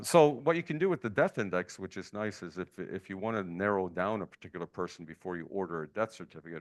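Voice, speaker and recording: A middle-aged man giving an informal, rambling library talk full of anecdotes and "uh" fillers. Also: low voice. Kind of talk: informal lecture.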